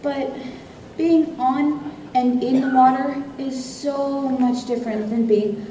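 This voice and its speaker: A woman's voice: sits high, fairly even intonation, slow pace, dark tone, distant mic. A woman playing a nervous, apologetic cartoon pony in a live amateur stage skit, hesitant and sheepish. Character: nervous, apologetic female cartoon pony afraid of going underwater. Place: on stage in a convention ballroom. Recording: echoey ballroom stage from afar, faint noise.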